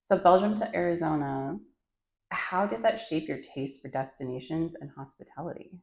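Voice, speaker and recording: Woman host, low gravelly tone, upbeat and encouraging, roomy sound. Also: normal speed. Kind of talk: casual interview. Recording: roomy echo.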